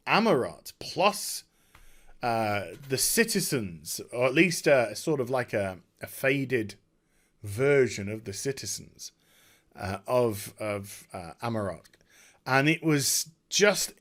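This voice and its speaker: At a medium pitch with a slightly bright tone, a man recaps a story for his gaming videos. He sounds casual and eager, pushing his points emphatically while rambling and pausing.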